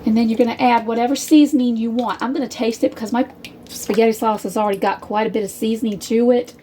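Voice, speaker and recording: A woman's voice: fairly high pitch, steady tone, fast talker, mellow, slight background noise. A woman hosting a casual cooking video in her home kitchen, rambling in a chatty way and calling her viewers y'all. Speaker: home cook, channel host.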